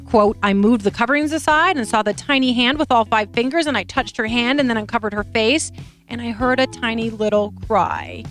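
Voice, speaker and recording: A woman's voice: on the high side, a little fast, faint music behind. Emotional woman hosting a talk show. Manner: warm-hearted, emotional storytelling with restarts. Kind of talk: casual news chat.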